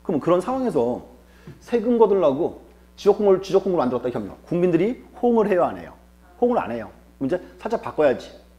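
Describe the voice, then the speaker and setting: A man's voice: a little high, dark tone. A male lecturer teaching an exam-prep class, asking rhetorical questions and answering them himself, repeating key terms for emphasis.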